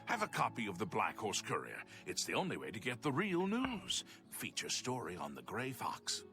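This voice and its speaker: A curt townsman from a fantasy video game, with a bright, forceful voice that swings widely in pitch. He speaks in short, matter-of-fact lines, with soft music playing behind him. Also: huge pitch swings, moderate pace, heavily acted. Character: gruff male townsfolk NPC in a fantasy game.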